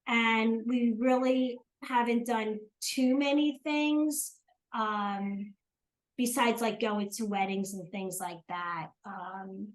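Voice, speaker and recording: A woman's voice: on the high side, steady tone, slow, poor audio. An older woman from South Jersey with a South Jersey accent, chatting as an interview guest, hesitant with many ums and restarts. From South Jersey, USA. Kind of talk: casual interview chat.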